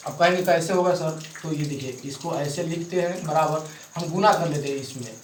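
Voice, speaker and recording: A man's voice: fairly high pitch, far from the mic, slight background noise. A male maths teacher explains a lesson step by step, often checking in with his students. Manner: repeats check-ins to students, spells out steps slowly. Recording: echoey room, voice from off the mic.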